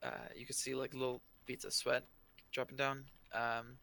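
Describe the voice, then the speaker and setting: A man narrating as game master of a tabletop game, in a halting, hesitant way. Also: medium pitch, level tone, vocal fry, bright, forceful tone.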